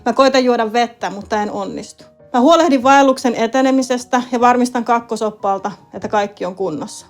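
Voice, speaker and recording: A woman with a Finnish accent narrates her own story as a lead wilderness guide, in a calm, matter-of-fact manner. Her voice sits a little high. Faint music plays softly beneath her. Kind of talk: first-person storytelling narration. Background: soft background music.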